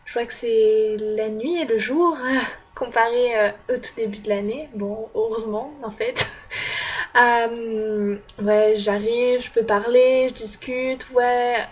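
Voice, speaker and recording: Teen girl from France, exchange-student vlogger, casual hesitant chat, rather high voice, unhurried. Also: steady tone. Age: teenager. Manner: chatty, hesitant, many filler sounds. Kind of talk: casual vlog recap.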